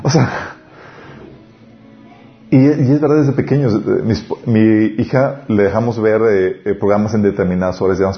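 A man preaching a sermon on parenting, lively, acting out family dialogues. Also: mid-range voice. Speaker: pastor. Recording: dull lo-fi recording.

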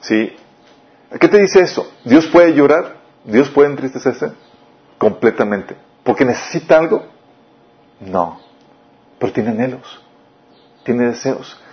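A man gives a sermon in a mid-range voice, often asking his listeners questions. His delivery rises and falls in loudness. The recording sounds dull and lo-fi. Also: medium pitch, lively intonation, slow, long pauses. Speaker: preacher.

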